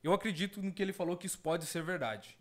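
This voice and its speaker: A man's voice: high voice, fast talker, fairly bright tone. A man, an evangelical host telling a testimony earnestly and often repeating his words. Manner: earnest, repeats words, calls listeners brothers. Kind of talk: testimony and reaction commentary.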